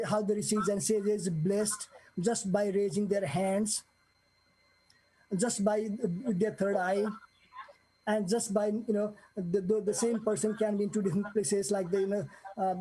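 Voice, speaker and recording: A man in his forties from Nepal, giving an earnest, halting spoken testimony full of fillers and restarts. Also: high voice, dark tone, low-quality recording. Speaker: guest sharing a devotee testimony.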